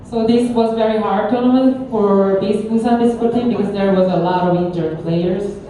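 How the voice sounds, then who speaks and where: Mellow woman interpreting in an echoey hall. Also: medium pitch, extremely slow, slight background noise. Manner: hesitant, self-correcting. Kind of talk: consecutive interpreting. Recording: very echoey hall, distant microphone.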